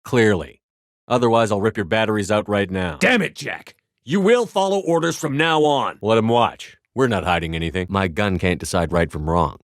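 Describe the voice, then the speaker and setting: A man's voice: fairly low pitch, expressive, normal speed, dry recording. A man voicing a tough, commanding military starship commander in a video game, with a terse, authoritative, dry delivery. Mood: firm, measured, then angry, urgent.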